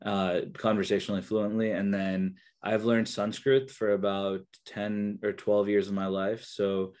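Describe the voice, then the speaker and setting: Interviewed over a video call, a young researcher and therapist who speaks Kannada as his first language answers haltingly, with many fillers and restarts. His fairly low voice has a clean, darkish tone, little pitch movement, and a slightly slow pace.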